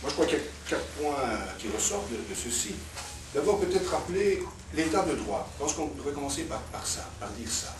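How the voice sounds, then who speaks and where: With a somewhat high, animated voice and a slightly fast delivery, a man argues spontaneously as an invited expert at a political round-table debate. He explains his points in a teaching manner, repeating words for emphasis. The recording comes from a spacious indoor cafeteria, echoey and distant-miked, with music and background noise.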